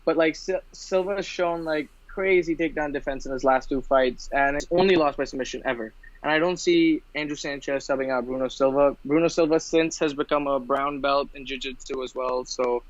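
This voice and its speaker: A man's voice: a little high, steady tone, no echo. Rambling man on a dull, dry mic. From India. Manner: quick, rambling, many restarts. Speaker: podcast co-host. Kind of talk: casual betting chat.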